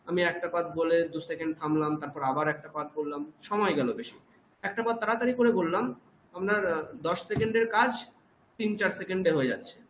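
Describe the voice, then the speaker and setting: Male chanting teacher with a Bengali accent, high voice, patient, on a roomy online call. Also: a little hiss or hum. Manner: patient, repeats and prompts students.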